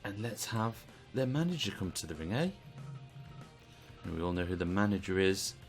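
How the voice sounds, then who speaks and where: A British man giving casual play-by-play commentary on a video game wrestling stream, chatty and relaxed. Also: deep voice, moderate pace, soft background music. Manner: chatty, relaxed, asks the audience.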